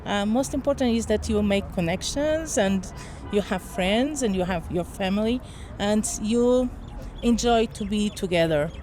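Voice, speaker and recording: Portuguese lady in her 50s, slow careful english, stops to find words, traffic noise behind her. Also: mid-range voice, a little mellow. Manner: thoughtful, halting, searches for words. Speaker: interviewee. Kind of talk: street interview. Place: outdoors in a city. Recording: street noise, outdoors.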